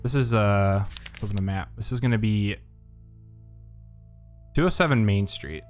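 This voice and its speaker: A man giving relaxed, think-aloud commentary while streaming a game. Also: fairly low pitch, moderate pace, faint music behind. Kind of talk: casual gameplay commentary.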